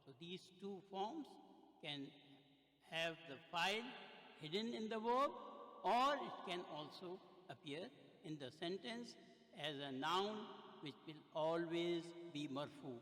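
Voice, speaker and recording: An older man teaching an Arabic grammar lesson. He talks slowly, reading short Arabic phrases aloud and then translating and explaining each one. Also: a little high, expressive, a bit bright. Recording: roomy, echoey room with a long reverb.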